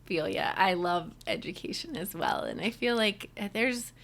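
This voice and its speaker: Woman, podcast host, bright tone, lively pitch, enthusiastic questions. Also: measured pace. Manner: enthusiastic, affirming. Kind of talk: interview questions.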